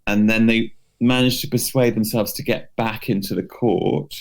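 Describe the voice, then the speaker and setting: Presenting a history segment as a podcast co-host, this man speaks in a lowish voice with fairly even intonation and a touch of vocal fry. He talks at a normal speed, unscripted and relaxed. His phrasing is loose and tentative, with some hedging along the way.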